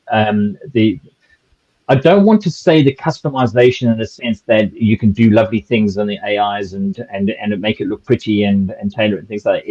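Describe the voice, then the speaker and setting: A man's voice: lowish voice, darkish tone, breathy edge, dull audio. A man with a South African accent speaking on a webinar panel, rambling with many restarts and fillers. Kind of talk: conversational webinar discussion.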